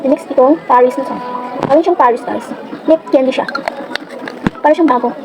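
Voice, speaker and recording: A woman's voice: high-pitched, fairly quick, over music, low-quality recording. A woman with a Filipino accent, chatting casually while getting ready, rambling with lots of fillers. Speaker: vlogger. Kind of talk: casual get-ready-with-me chat.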